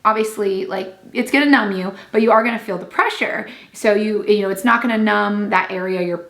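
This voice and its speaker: A woman's voice: mid-range voice, fairly quick, fairly bright tone. Chatty young woman in an echoey room. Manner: chatty, laughing, full of fillers and quoted asides. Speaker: vlogger. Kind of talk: casual storytelling vlog.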